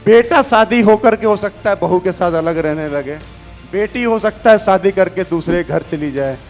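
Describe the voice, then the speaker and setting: A middle-aged man, giving a fervent stage motivational speech that swings between quiet intimate passages and loud shouts. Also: high voice, moderate pace, soft background music. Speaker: motivational speaker.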